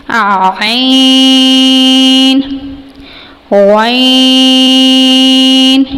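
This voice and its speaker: Woman with pakistani urdu accent teaching letter sounds, highish flat voice, stretches each letter out slow, lots of hall reverb. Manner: draws out each letter slowly, then explains plainly. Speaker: Quran reading teacher. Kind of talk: slow instructional tajweed lesson.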